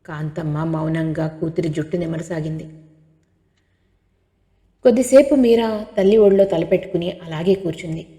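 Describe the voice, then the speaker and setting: A woman reading a novel aloud as an audiobook narrator, in steady expressive storytelling, with a long hall reverb. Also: on the low side, normal speed, pauses often.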